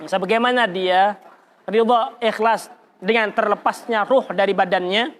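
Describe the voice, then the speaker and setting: A man's voice: sits high, steady tone, moderate pace, fairly bright tone, slight background noise. A man giving a religious study lecture in a casual, teasing way, often laughing and asking rhetorical questions. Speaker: Islamic teacher.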